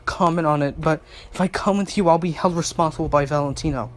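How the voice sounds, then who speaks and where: A man's voice: a little high, quick pace, slight background noise, natural voice. A man voicing an anxious young woman held captive, pleading.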